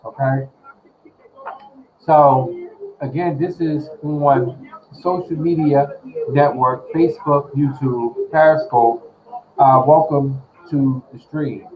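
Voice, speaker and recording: A man's voice: mid-range voice, fairly even intonation, slow, long pauses, phone-quality sound, a little hiss or hum. A man hosts a casual livestream, rambling through his recap. He leans on filler words and restarts, and talks with his mouth full. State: talking while eating. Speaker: livestream host.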